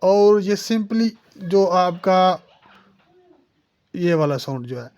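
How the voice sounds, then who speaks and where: A woman's voice: on the low side, lively intonation, very slow, darkish tone, lo-fi sound. A woman teaching English phonetics. She patiently sounds out example words one by one and addresses the learner as dear student. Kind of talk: phonetics lesson.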